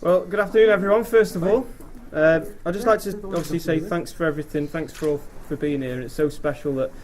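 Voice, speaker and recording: A man's voice: a little high, fairly even intonation, over a noisy crowd. A young man giving an informal, hesitant thank-you speech as the groom at a wedding. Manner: hesitant, halting delivery.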